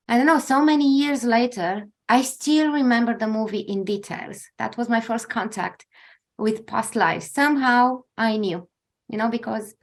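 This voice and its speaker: A woman in her forties hosting a podcast interview, telling a story in a reflective, halting way as she searches for words. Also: on the high side. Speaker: podcast host.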